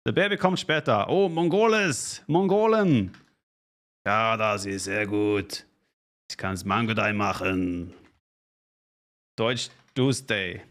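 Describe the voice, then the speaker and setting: A man streaming a strategy game, chatting casually with viewers in halting, self-correcting speech and thanking subscribers. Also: on the low side, animated, fairly bright tone. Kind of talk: casual live-stream gaming chat.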